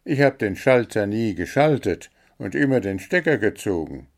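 Gruff grumbling gnome, played by a male narrator, storybook reading. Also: fairly low pitch, very animated, moderate pace. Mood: indignant.

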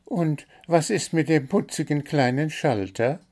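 A man's voice: a little high, expressive, measured pace, darkish tone, pitched above the performer's own voice. A man voicing a cheeky, greedy little blue male bird that pesters for sweets. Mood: prodding. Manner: demanding, sweet-toothed, pestering.

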